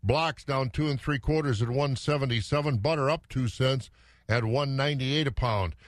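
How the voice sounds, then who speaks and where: A man's voice: mid-range voice, normal speed, no room sound, studio quality. A folksy man hosting a morning farm radio show, reading out weather and market figures. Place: dry radio studio.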